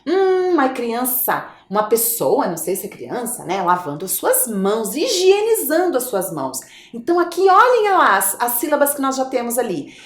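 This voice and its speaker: Animated Brazilian woman teaching young children. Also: on the high side, moderate pace, hardly any pauses, roomy sound. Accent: Brazilian Portuguese. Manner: animated, coaxing, asks children questions. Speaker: primary school teacher. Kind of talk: video lesson for young children.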